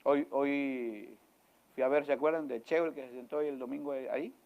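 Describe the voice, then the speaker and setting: A male pastor preaching in church, swinging from loud emphatic lines to hushed ones and questioning his congregation again and again. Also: mid-range voice, moderate pace, vocal fry, lo-fi sound. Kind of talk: sermon.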